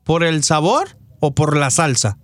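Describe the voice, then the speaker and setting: A man with a Mexican accent, co-hosting a casual chat, animated, slangy and fond of swearing. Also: on the high side, a little slow, no echo. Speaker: podcast co-host.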